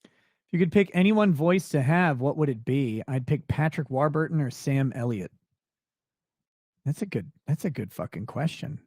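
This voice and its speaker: This man's husky, darkish voice isn't deep, and he speaks expressively at normal speed. Hosting a casual late-night livestream, he reads out viewer questions and answers them crudely, bluntly and with swearing, in clean studio sound with no echo.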